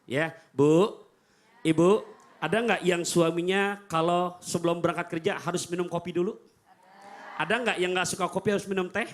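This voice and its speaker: A man preaching a humorous sermon to a live audience, animated and joking. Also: sits high, normal speed. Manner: animated, jokey, addresses audience.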